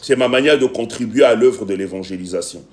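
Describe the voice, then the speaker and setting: Speaking a little fast in a fairly low voice, a music producer hosts a relaxed live stream on his phone. He repeats himself over and over, leans on fillers, and pleads with his audience for support.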